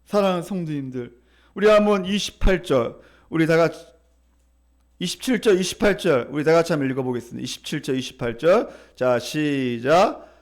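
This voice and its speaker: Pastor guy preaching, high voice, keeps repeating himself for emphasis, gets folks to read along. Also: fairly quick. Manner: preaching with emphatic repetition and leading the congregation in reading. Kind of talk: sermon. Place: church sanctuary.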